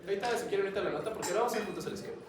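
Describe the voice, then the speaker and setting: A man's voice: high-pitched, rapid-fire. A man giving a classroom lecture, chatty and always asking the students questions. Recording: echoey classroom, mic far off, noisy.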